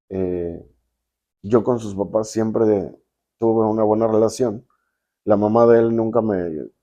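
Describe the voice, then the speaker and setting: Man, Mexican accent, fifties, warm mellow voice, casual storytelling, acts out quotes, slangy. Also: fairly low pitch. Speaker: host telling his life story.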